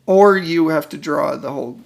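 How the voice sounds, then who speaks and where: A man's voice: fairly high pitch, moderate pace, creaky. A man co-hosting a casual podcast, bantering and explaining games in an informal, offhand way. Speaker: podcast co-host.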